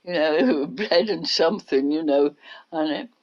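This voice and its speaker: An older woman, reminiscing in an oral history interview as an unhurried storyteller. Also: deep voice, a little mellow. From England. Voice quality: unhurried storyteller, acts out quotes. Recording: dull lo-fi recording.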